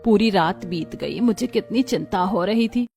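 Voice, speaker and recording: A woman's voice: mid-range voice, moderate pace, gravelly, dark tone, faint music behind, natural voice. A woman voicing a worried middle-aged mother of a rich family.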